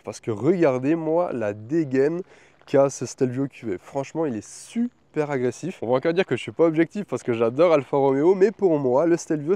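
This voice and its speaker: A man's voice: on the high side, a little mellow, dry recording. A man presenting a chatty, enthusiastic car review, talking from the driver's seat and then beside the car.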